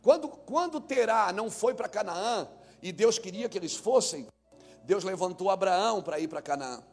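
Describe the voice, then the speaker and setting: A male senior pastor preaching a sermon, swinging from calm teaching into shouted, sung cadences. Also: sits high, moderate pace, husky, faint music behind.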